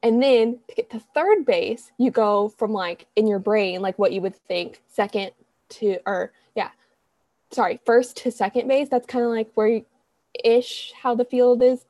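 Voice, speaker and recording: In a casual podcast chat, a young female co-host rambles, fixes her own wording again and again, and leans on lots of fillers. The pitch is fairly high and the tone dark, delivered at a measured pace on a dry recording.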